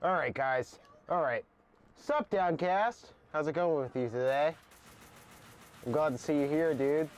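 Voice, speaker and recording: A man's voice: a little high, a little slow, pauses often. A young man live-streaming a game, frustrated and swearing while talking to his chat.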